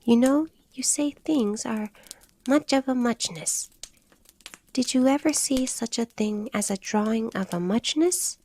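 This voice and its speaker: A woman's voice: fairly high pitch, a little slow, a little mellow, voice pushed up. A woman voicing a sleepy, touchy little male dormouse in a storybook reading. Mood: sulky sleepy. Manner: drowsy, huffy.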